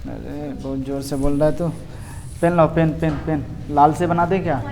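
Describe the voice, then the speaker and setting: A man's voice: a little high, level tone, normal speed, gravelly, darkish tone, slight background noise. A man who teaches religion, running a classroom quiz and roll call. He teases and scolds his pupils and calls them "son". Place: classroom with children. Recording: echoey room reverb.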